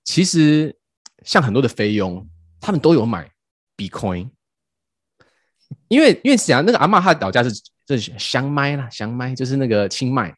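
Casual podcast host, man, lively storyteller, dry close sound. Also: mid-range voice, moderate pace, long pauses, dry recording. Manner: animated, laughing, acts out quotes.

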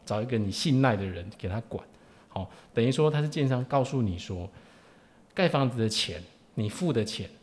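Lowish-voiced Taiwanese man explaining. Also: a little mellow. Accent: Taiwanese Mandarin. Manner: repetitive, punctuates phrases with particles and tag questions. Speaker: lawyer, podcast guest. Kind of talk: informal expert explanation.

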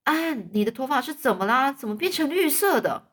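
A woman's voice: high-pitched, very animated, brisk, fairly bright tone, pitched above the performer's own voice. A woman voicing a strict older woman guardian who scolds and gives clipped orders in a storybook reading. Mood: startled.

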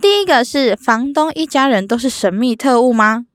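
A young woman tells a vlog story, her pitch leaping up and down as she acts out every exchange. The recording is close and dry, with no room sound. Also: normal speed, dry recording. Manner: animated, acts out quoted dialogue. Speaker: vlogger.

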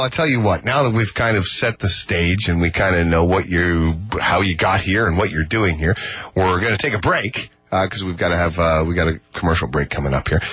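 Husky-voiced radio host. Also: male voice, low voice, fairly bright tone. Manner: loose, rambling, with fillers and restarts. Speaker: radio morning show host. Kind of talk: casual radio interview. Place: radio studio. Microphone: studio microphone.

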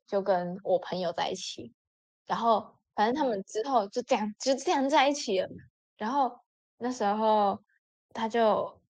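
A woman telling a story in a casual chat with lots of expression, jumping up in pitch when she voices her friends. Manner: animated, acts out friends' lines with sudden pitch jumps. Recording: dull lo-fi audio.

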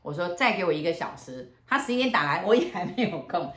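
Lively woman fortune teller, roomy sound. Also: lowish voice, quick pace, a crowd in the background. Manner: lively, acts out both sides of dialogue. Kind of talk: casual storytelling chat. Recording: roomy echo.

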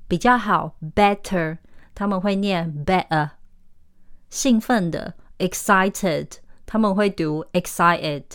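Low, smooth-voiced woman teaching English. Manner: clear explanatory, switching into careful English examples. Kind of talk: podcast language lesson.

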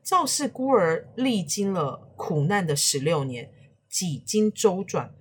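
A woman telling a historical story to children, animated and speaking to the young listeners directly. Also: fairly low pitch, takes it slowly, a little hiss or hum.

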